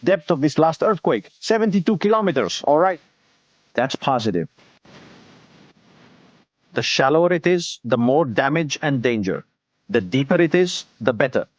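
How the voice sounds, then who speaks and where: Man, breaking news live updates, slightly high voice, very lively intonation, clipped phrases, dry recording. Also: normal speed, pauses often, no room sound, highs cut off.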